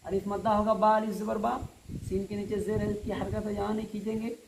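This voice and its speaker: A man's voice: high voice, flat delivery, creaky. Patient man drawling out recitation. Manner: patient, drawls each word out slowly and repeats it. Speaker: Quran reading teacher. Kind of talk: spelled-out recitation lesson. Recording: echoey room with faint noise.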